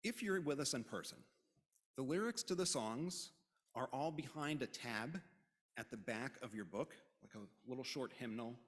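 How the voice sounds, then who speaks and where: Service leader, male, mid-pitched, wry asides while giving announcements, worship-hall reverb. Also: animated, normal speed. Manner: joking, informal asides. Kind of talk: conversational announcements at a religious service.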